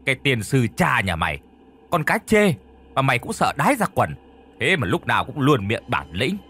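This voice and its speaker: A man voicing a gruff old male grave robber who barks and mocks in a raised, higher voice. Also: huge pitch swings, normal speed, pushed and bright, exaggerated voice. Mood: mocking. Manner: barking, mocking.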